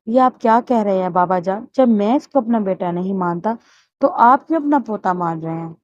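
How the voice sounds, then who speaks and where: A woman's voice: medium pitch, lively intonation, darkish tone, no echo, close to an everyday voice. A woman voicing a resentful, indignant middle-aged father, in a dull, muffled recording.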